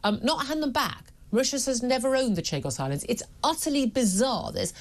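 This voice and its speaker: A woman hosting talk radio at a quick clip, opinionated and emphatic. She snaps her pitch upward whenever she rebuts a point, then drops back to a steady, firm delivery.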